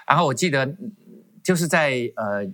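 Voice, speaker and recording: A man's voice: mid-range voice, animated, normal speed, a bit bright. A man giving a personal testimony as a guest in an interview, telling it animatedly with frequent restarts. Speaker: guest professor.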